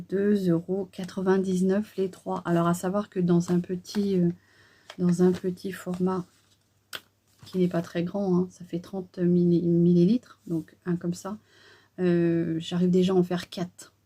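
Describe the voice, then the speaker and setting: Chatty woman with a mellow voice. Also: fairly low pitch, slight background noise. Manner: chatty, hesitant, many fillers. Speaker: beauty vlogger. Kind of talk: casual haul chat.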